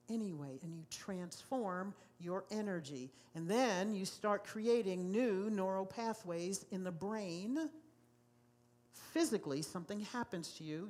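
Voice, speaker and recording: A woman's voice: on the low side, a little mellow. A woman pastor preaching a sermon to a congregation in a church, emphatic and given to repeating key phrases. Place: church sanctuary.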